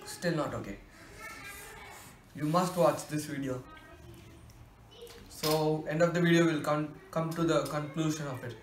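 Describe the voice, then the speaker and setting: A man's voice: on the high side, steady tone, unhurried, long pauses. A teenage male chatting casually to camera as he hosts a food challenge. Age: teens. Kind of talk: casual chat to camera while tasting. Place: small bare room indoors. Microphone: camera a short distance away. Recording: echoey room, faint hiss, distant camera mic.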